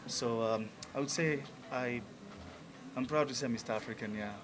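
A Tanzanian man in his thirties, a musician guest, is interviewed in a restaurant lounge, speaking casually and enthusiastically with plenty of fillers. His voice is mid-range at a moderate pace, picked up by a table mic on a stand, with background noise.

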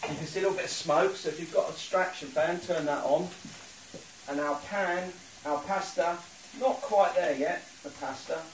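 Filmed by a phone across his home kitchen, a middle-aged man gives step-by-step instructions as a home cook demonstrating a dish. He speaks at normal speed in a fairly high voice, with slight background noise. Boiling water and a sizzling pan fill the roomy, far-off sound.

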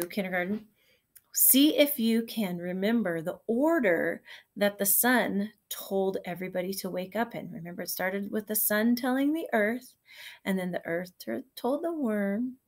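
A woman kindergarten teacher reading a picture book aloud to her class, gentle and expressive, sometimes dropping to a soft whisper. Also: medium pitch. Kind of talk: storybook read-aloud for children.

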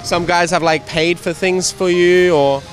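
A young man hosting a casual street interview with a handheld mic, upbeat and teasing, firing quick follow-up questions on a busy city street. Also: high-pitched, steady tone.

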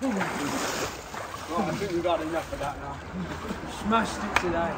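A man's voice: a little high, measured pace. A young man, chilled from cold river water, chatting casually to live-stream viewers and rallying them as a fitness host. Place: outdoors, in and beside a park river. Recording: noisy outdoor recording.

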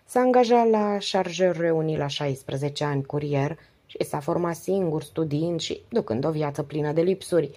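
A weary, devoted wife in her late forties pours out long, flowing confidences, read by a woman narrator. Her voice is low and mellow. A husky grain runs through it. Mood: confiding. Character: 48-year-old wife, talkative, devoted, weary.

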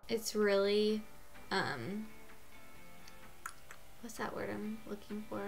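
A woman's voice: mid-range voice, slow pace, vocal fry, soft background music. A congested woman with a cold giving a chatty makeup tutorial, gushing and getting out of breath. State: gets out of breath. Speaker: beauty vlogger.

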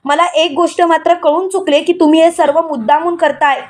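Brief: harsh elderly matriarch, accusing tone, high voice, done by a woman narrator. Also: fairly even intonation, brisk. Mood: scolding. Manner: scolding, accusing. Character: stern older matriarch, sharp-tongued.

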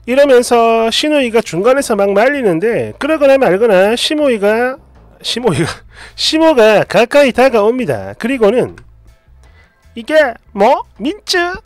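A woman's voice: fairly high pitch, sing-song, normal speed, darkish tone, no echo, soft background music. Chatty woman telling a story. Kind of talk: scripted narration of a reader's story.

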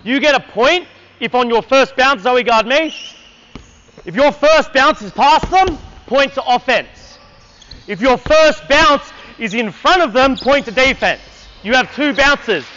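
A man's voice: very high voice, expressive, a little slow, bright, forceful tone, lo-fi sound, a little hiss or hum. A man coaching a basketball clinic on an indoor court, energetically calling out drills and counting down for players.

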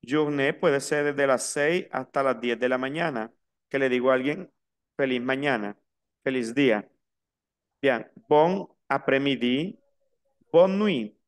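Male language teacher, smooth clear voice, slow careful pronunciation drills. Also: medium pitch. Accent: Latin American Spanish. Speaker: French teacher. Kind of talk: online language lesson.

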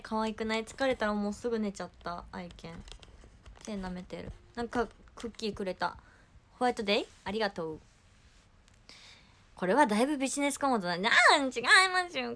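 Bright, playful young woman chatting on stream. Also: fairly high pitch. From Kumamoto, Japan. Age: young adult. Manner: playful, teasing, quick to laugh. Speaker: idol livestreamer. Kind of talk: casual livestream chat.

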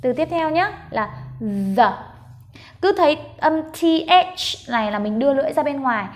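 A woman patiently leading a step-by-step pronunciation lesson, spelling out sounds slowly and modelling each word. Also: high voice, animated. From Vietnam. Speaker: English pronunciation teacher.

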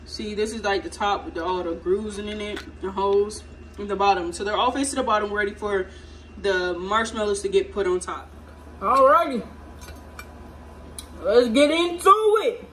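Speaking at a moderate pace with a medium-pitched voice, a young adult American woman talks to her viewers casually and playfully, using slang, while hosting a home cooking vlog. It's recorded in a small home kitchen on a phone or camera set up some distance away, giving a far-off sound and noisy background.

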